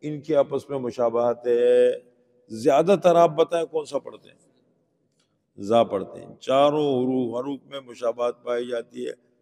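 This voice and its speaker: A Pakistani man with a warm, medium-pitched voice teaches Quran pronunciation in a mosque teaching hall, sounding out letters and patiently questioning his students. A long hall reverb is audible.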